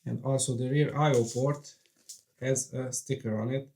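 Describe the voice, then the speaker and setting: A man vlogging as he unboxes and assembles a gaming PC, chatting casually and nervously excited, his voice congested from a cold. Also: medium pitch, normal speed. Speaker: PC building vlogger. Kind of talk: casual hands-on narration.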